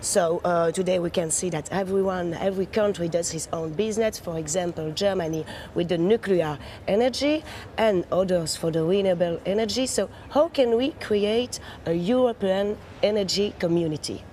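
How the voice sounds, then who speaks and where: Mellow-voiced woman asking interview questions. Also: on the low side, moderate pace, a little hiss or hum.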